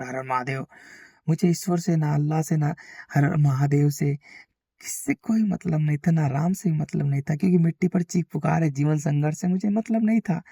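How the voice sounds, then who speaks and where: A man's voice: on the high side, vocal fry, warm tone, husky, no room sound, studio quality. A man preaching a repetitive, exhorting spiritual monologue to his listeners.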